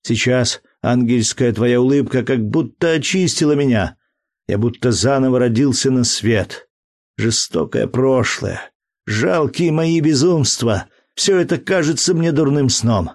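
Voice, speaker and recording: A man reading an audiobook, voicing an earnest, emotional young man deeply in love in a fervent, slow delivery. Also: a little mellow, no room sound, studio quality, lightly acted.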